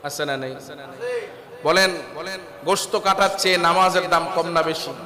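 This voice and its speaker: High-voiced Bangladeshi preacher in echoing mosque. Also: male voice, a little slow, pushed and bright. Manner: exhorting, prompts listeners to answer back; recites Arabic verses within the talk. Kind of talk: Eid sermon in a mosque. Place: large reverberant mosque, congregation behind. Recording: echoey mosque PA with crowd.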